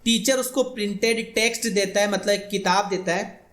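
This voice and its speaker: A male teacher giving an exam-prep video lecture. He reads English text slowly and then explains it casually in Hindi, repeating points often. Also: high voice, fairly even intonation, a bit bright. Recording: roomy echo.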